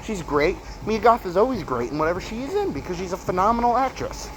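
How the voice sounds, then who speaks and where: A man giving a casual, emphatic movie review as a video host while walking on a treadmill, halting and repeating himself for stress. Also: high-pitched, very animated. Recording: clear treadmill motor and footstep noise. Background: treadmill noise.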